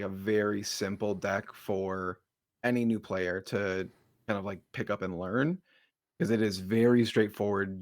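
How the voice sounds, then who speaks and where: A man with a slight Boston accent explains his card game deck in a loose, easygoing ramble. His voice sits low with a gravelly edge, recorded dry and close with no room sound. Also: dry recording. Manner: relaxed, rambling explanations with many fillers. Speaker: deck builder, co-host. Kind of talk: casual card game discussion.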